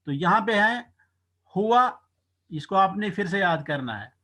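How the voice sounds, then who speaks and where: Slow, high-voiced male Arabic teacher. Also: animated, sharp tone, poor audio. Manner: slow, repeating drills. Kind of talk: classroom grammar lesson.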